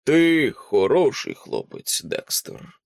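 A man voicing the ghost of a stern father, in a hushed whispered role-play for an audiobook. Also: medium pitch, very animated, slow.

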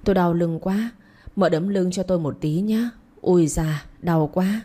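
A woman's voice: on the low side, unhurried, mellow. A woman voicing a mischievous young husband in a spoken story, bossy and coaxing by turns. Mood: tender.

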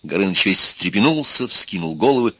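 Male audiobook reader, lively slow delivery, husky, dry studio sound. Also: deep voice, no echo. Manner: expressive, unhurried storytelling. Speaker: audiobook narrator. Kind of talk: audiobook reading.

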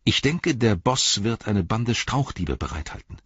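A man voicing a brisk, confident young male hobbit who talks boldly and cheekily. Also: fairly low pitch, sing-song, a bit bright, breathy edge, dry recording, dull audio, voice pushed up, exaggerated voice. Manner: bold, cheeky.

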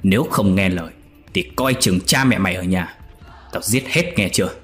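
A man's voice: low voice, moderate pace, a bit bright, faint music behind. A man voicing an older lecherous master who talks in a sly, gloating, threatening way.

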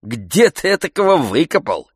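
A man's voice: fairly high pitch, sing-song, moderate pace, husky, no echo, clean studio sound, voice pushed up. A man voicing a sarcastic male coachman who mocks and jeers. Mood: mocking. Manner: sarcastic, mocking.

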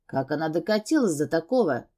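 A woman reading a first-person story aloud as an audiobook narrator, in an even, steady storytelling manner. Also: sits low, a little fast.

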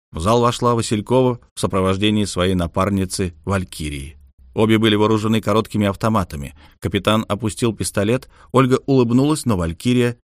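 A man narrating an audiobook in a steady, even storytelling manner. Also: on the low side, no room sound, studio quality.

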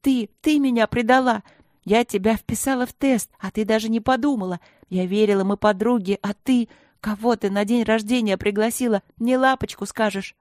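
A woman's voice: on the high side, normal speed, a little mellow, no echo, pitched above the performer's own voice, natural voice. A wounded teenage schoolgirl pleads with her friend, as a woman reading a storybook puts her on. Her voice is raised above the reader's own. The sound is dry and close. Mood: tearful. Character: hurt, tearful teenage schoolgirl.

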